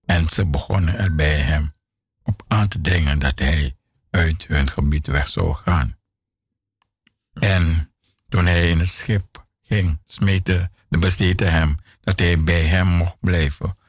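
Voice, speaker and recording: A man reading a scripture passage aloud in a measured, deliberate way, adding short comments of his own. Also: low-pitched, fairly even intonation, husky, dry recording. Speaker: Bible reader.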